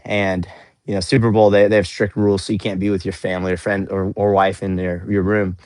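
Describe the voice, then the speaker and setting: A young man with a fairly low voice talks earnestly and upbeat on a faith-based motivational livestream, often repeating words as he goes. He is outdoors in the snow, cooling off after a workout. The sound is dry and close. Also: little pitch movement, brisk, a little mellow, dry recording. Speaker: livestream host.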